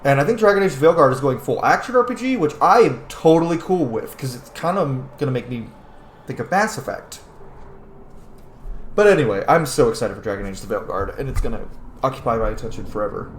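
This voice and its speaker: Lively intonation and a slightly fast pace mark this medium-pitched male gaming host, heard in an echoey room with slight background noise. His let's-play talk is casual and opinionated, rambling, blunt, emphatic and sprinkled with frequent swearing.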